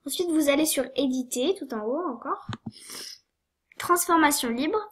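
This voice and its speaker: Young woman, high voice, sniffly with a cold, hesitant, lots of fillers, casual tutorial. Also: moderate pace, a bit bright, a little hiss or hum. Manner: hesitant, many fillers and apologies, giggly. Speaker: tutorial maker. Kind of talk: screen-recorded game tutorial.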